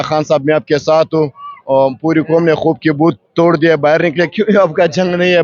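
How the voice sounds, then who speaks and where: A party worker at a rally giving a fervent, rousing political speech to a reporter. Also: male voice, on the high side, no room sound. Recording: dull lo-fi field recording.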